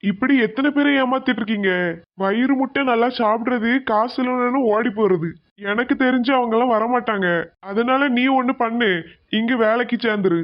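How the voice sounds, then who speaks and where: A voice doing a gruff, bossy cartoon shopkeeper. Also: male voice, extremely high pitch, fairly even intonation, normal speed, dull audio. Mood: stern. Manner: scolding, bossy. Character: gruff male sweet-shop owner, stern and threatening.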